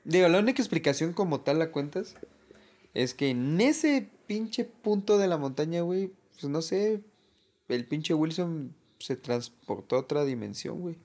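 A man's voice: fairly high pitch, lively intonation, a little slow, a little mellow. A man with a Mexican accent chatting casually, speculating and thinking aloud with plenty of slang and restarts. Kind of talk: casual podcast chat.

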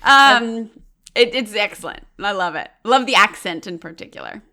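A woman's voice: mid-range voice, animated, normal speed, sharp tone. A woman co-hosting a podcast, chatting about a favorite film with gushing enthusiasm. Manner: enthusiastic, gushing, lots of ums and likes. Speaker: podcast co-host. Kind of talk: casual film discussion.

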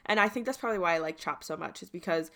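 A woman's voice: fairly low pitch, rapid-fire, pushed and bright. A young woman co-hosting a casual podcast chat, gushing and emphatic about the shows she loves. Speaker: podcast co-host.

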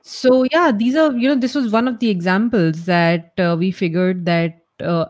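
A woman's voice: mid-range voice, normal speed, darkish tone. A woman with a North Indian accent giving conversational interview answers, explaining her points emphatically and restating them in parallel phrases. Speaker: startup founder, interview guest.

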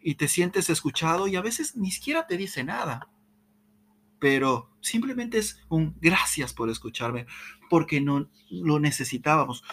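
A man giving a motivational talk on communication, checking in often with "¿sí?", repeating and stumbling over words, with dramatic swings in pitch. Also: a little hiss or hum. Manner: repeats "¿sí?" to the audience, animated. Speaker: speaker on communication.

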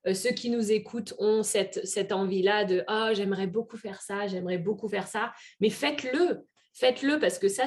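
A woman's voice: medium pitch, darkish tone. A woman from France with a French accent touched by Québécois, an earnest podcast guest who talks with many fillers and restarts. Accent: French, picked up some Québécois. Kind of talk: casual podcast interview.

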